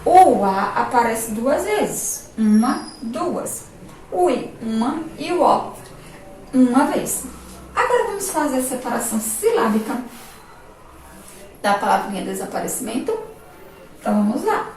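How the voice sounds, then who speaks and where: A woman teacher with a Brazilian Portuguese accent giving a remote lesson to young children, spelling words out slowly, syllable by syllable. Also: fairly high pitch, big pitch swings, darkish tone. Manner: slow, syllable-by-syllable teacher talk with diminutives. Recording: echoey distant room mic, faint ambience.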